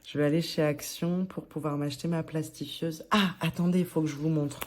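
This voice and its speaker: A woman's voice: deep voice, steady tone, a little fast, background noise. A woman vlogger talking casually to camera about her monthly budget, chatty and a little hesitant, often restarting her sentences. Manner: chatty, talks through her envelopes as she goes.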